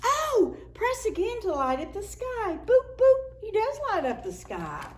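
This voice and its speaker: Reading picture books to preschoolers, a librarian speaks in a very high voice and takes her time. She sounds animated and sing-song, with soft whispered asides mixed in.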